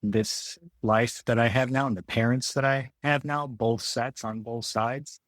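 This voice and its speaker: This podcast guest, a Detroit-area man in his forties, talks in a relaxed, thoughtful way, often reworking his sentences mid-thought. His mid-range voice is fairly bright and fairly even in intonation, unhurried, and captured in a dry, studio-quality recording.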